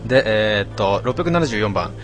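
A man hosting a casual late-night stream, reading out listener comments with grumbling asides and frequent throat clearing. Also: lowish voice, animated, normal speed, faint music behind. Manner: grumbling, talks to himself, mock-annoyed asides.

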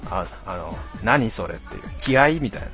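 A slightly tipsy man in his twenties rambles through viewer comments on his live stream, teasing himself in rough, slangy talk. His voice sits low. Soft music plays faintly behind him. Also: animated, fairly quick. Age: 20s. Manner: rambling, rough slangy self-mocking banter.

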